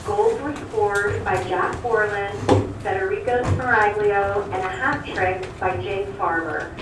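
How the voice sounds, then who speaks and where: A woman reads the morning announcements over a school intercom in a formal, steady manner, going down a list. Her voice comes out of a loudspeaker and booms around the room, heard from well off the mic. Classroom noise sits clearly underneath. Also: heavy reverb, recorded from a distance. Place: school office, heard through a classroom speaker.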